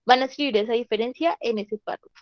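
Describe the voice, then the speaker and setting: A woman English teacher with a slightly high voice talks fast as she patiently explains a lesson in an online class, often checking that students follow. She keeps asking "¿listo?" to confirm understanding. The recording is dry and lo-fi.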